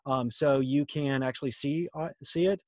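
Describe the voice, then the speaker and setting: A middle-aged workshop presenter speaks informally on a video call from an indoor room, using his computer's mic. His mid-range voice is a little mellow, at a moderate pace with no echo, and his manner is encouraging and conversational.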